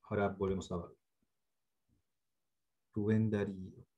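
A man's voice: on the low side, flat delivery, unhurried, mellow. A man with a Uruguayan Spanish accent teaches over a computer mic on a video call. He explains steadily and patiently, repeats his main points, and keeps checking that the class follows along. His speech is dotted with hesitant "eh" fillers and small restarts. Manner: checks in with frequent "¿sí?". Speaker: instructor. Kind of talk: online training lecture.

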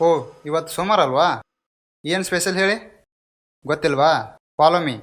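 A man's voice: on the high side, moderate pace, noisy background, natural voice. A young man playing an easygoing village lad. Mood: relaxed. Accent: North Karnataka Kannada. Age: young adult. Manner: casual, friendly banter. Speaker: lead character in an amateur short film. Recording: loud film score under the dialogue.

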